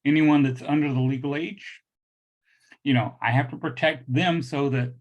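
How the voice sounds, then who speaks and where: A man's voice: fairly high pitch, steady tone, moderate pace. A man in his late fifties speaks firmly and meanderingly at a public meeting, with slightly awkward articulation from new dental implants. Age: late 50s. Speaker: liquor store owner addressing a public meeting. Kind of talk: earnest unscripted remarks at a public meeting. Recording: dull, muffled lo-fi meeting audio.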